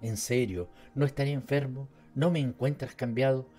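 A man's voice: medium pitch, steady tone, normal speed, warm tone, faint music behind, natural voice. A man with a Latin American Spanish accent voicing a troubled, plump middle-aged butcher who talks in an anxious, plaintive way. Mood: worried.

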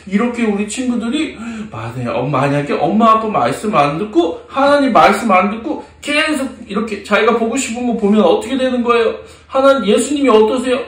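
A man with a high-pitched voice leads a Sunday school lesson for toddlers. He talks in an animated, sing-song way and keeps asking the children questions. The sound is roomy and echoey, with the mic set some distance away. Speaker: children's pastor. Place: church classroom.

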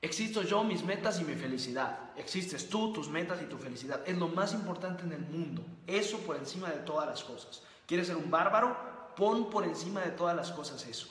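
A man's voice: on the high side, animated, a little fast, fairly bright tone. A man hosting a motivational livestream, speaking emphatically and repeating phrases and rhetorical questions. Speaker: host of a live book-review stream. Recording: echoey room with long reverb.

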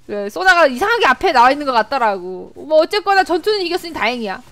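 High-pitched excitable woman streamer. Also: fast talker. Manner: excitable, repeats words in bursts, frequent laughter. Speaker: game streamer. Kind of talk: live gameplay commentary.

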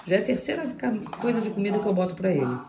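A woman calmly explaining her dogs' eating to the camera in a casual home video. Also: mid-range voice, very fast, vocal fry. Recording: echoey room with crowd noise.

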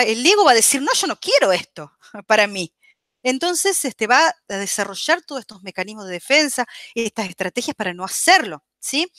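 A woman's voice: fairly high pitch, dry recording, studio quality. A woman explaining psychology on a radio talk show. She keeps checking in with her listeners and talks in a chatty way, with many fillers and restarts. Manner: checks in constantly with the audience, warm teaching tone.

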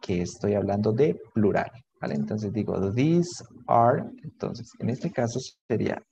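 A man's voice: on the low side, animated, a little slow, vocal fry, mellow, dull audio, slight background noise. A man teaching an online English grammar lesson, patiently repeating words and switching between English and to explain.

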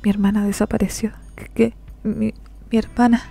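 A woman voicing a defiant, mocking teenage boy fighter in a storybook reading, with a gravelly edge to her voice. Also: mid-range voice, moderate pace, lightly acted. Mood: shaken. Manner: taunting, shouting in anger.

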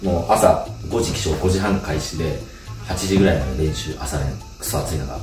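A young man telling stories from his school days in casual chat, animated, laughing often and acting out the people he quotes. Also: a bass voice, moderate pace, distant mic. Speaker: channel host telling life stories. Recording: roomy, off-mic with music behind.

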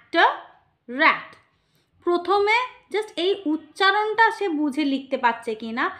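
A woman teaching letter sounds, slowly sounding out each letter and answering her own questions. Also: high-pitched, a bit bright. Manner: slow, sounding out letters one by one. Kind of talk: phonics lesson for parents.

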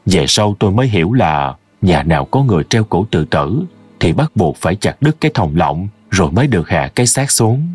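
A man narrates a scripted horror story slowly and ominously, like a storyteller. His pitch is fairly low, his tone darkish with a breathy edge, and there's no room sound.

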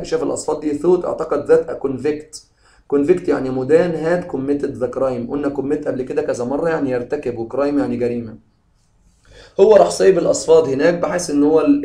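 Quick, gravelly Egyptian teacher in an echoey room. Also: male voice, medium pitch, warm tone. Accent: Egyptian Arabic. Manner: switches between slow English reading and quick colloquial explanation. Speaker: English teacher. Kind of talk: explaining a novel to students.

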